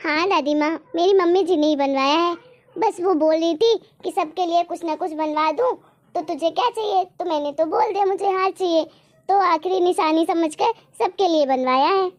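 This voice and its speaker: A woman's voice: very high-pitched, normal speed. A woman voicing a young daughter-in-law who chats proudly and boasts. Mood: boastful. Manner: chatty, boastful. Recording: dull lo-fi recording.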